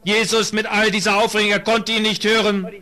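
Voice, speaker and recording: A man's voice: high-pitched, level tone, a little fast, bright, forceful tone. A man interpreting a sermon, preaching fervently.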